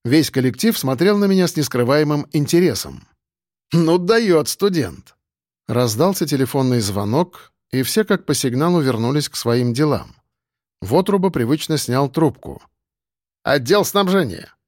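A man narrating an audiobook in the first person, calm and wry. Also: medium pitch, moderate pace, no room sound, studio quality.

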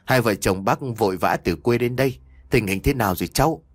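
A man's voice: on the low side, brisk, slightly rough, no echo, clean studio sound. A man voicing an elderly village head who talks in a hesitant, flustered way. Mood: worried.

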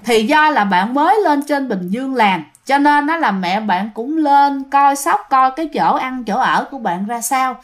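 A woman's voice: high voice, expressive, moderate pace, hardly any pauses. A woman telling a ghost story in a casual, chatty way, often speaking straight to her listeners. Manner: chatty, addresses listeners directly.

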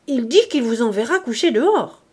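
A woman's voice: on the high side, lively intonation, normal speed, a little mellow, slightly rough. A woman reading aloud and voicing an old housekeeper who keeps complaining insistently in a raised voice. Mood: nagging.

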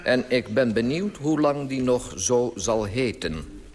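A man's voice: mid-range voice, expressive, takes it slowly, long reverb tail, a crowd in the background. A man delivering a dry, mocking satirical monologue for old radio.

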